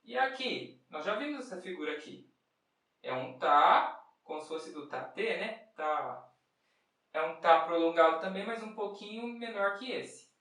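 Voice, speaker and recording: A patient music teacher walks through rhythms one bar at a time, posing questions and then answering them. The voice sits at an ordinary middle pitch and chants short rhythm syllables. It is picked up from a distance in a strongly echoing room. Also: expressive, normal speed, a bit bright. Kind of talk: step-by-step music lesson. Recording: very echoey room, mic far off.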